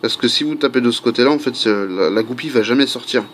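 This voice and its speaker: A man's voice: medium pitch, fast, fairly bright tone. A man giving a casual how-to video at home, chatty and full of fillers, with faint construction noise behind him. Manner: chatty, many fillers and asides. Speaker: airgun hobbyist demonstrating a part swap.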